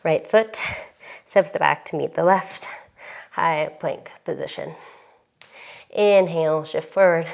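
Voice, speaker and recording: A young woman teaching a yoga class, giving calm breath cues with sighs, a bit out of breath. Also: low-pitched, slow pace, creaky, long pauses. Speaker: yoga instructor.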